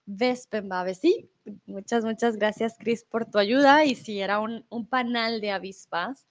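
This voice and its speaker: Slow, friendly woman teaching Spanish. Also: a little high. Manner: friendly, slow and explanatory, switching into English to explain. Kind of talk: live online lesson reading viewer comments.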